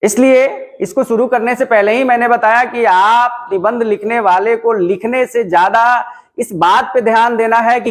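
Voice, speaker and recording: A man teaching a classroom lesson, explaining step by step and repeating points for emphasis, with a Bihari Hindi accent. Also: high-pitched. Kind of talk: classroom lecture. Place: classroom with a writing board.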